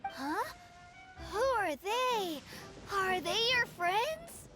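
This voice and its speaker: A woman's voice: extremely high pitch, big pitch swings, drawn-out words, loud music behind the voice, full character voice. A woman voicing a small, eager, impatient young boy in a video game, childlike and pleading. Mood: curious, concerned.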